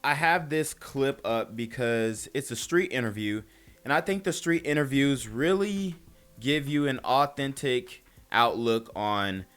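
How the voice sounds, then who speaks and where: A man's voice: medium pitch, sharp tone, smooth. A man hosting a casual opinion commentary, talking bluntly and emphatically in slang into a close mic. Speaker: commentary channel host.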